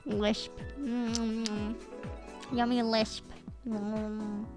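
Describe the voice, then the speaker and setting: A young woman chats through a live stream in a rambling, self-teasing way. Her voice sits a little high and somewhat nasal, with a slight lisp and a hint of a cold. Soft music plays faintly behind her. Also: normal speed. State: a little sick. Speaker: VTuber streamer. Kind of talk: casual live-stream chat.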